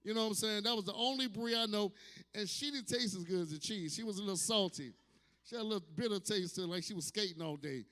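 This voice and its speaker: A man hosting a stand-up comedy night, loud and profane, hyping the crowd between jokes. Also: high-pitched, fast. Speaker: comedy show host. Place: comedy show at a distillery. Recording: live venue with long hall reverb.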